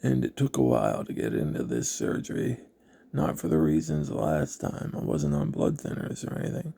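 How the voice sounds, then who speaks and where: A man telling his personal story in a halting, reflective way, with many pauses. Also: medium pitch, wildly swooping pitch, creaky, warm tone, slightly rough. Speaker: vlogger.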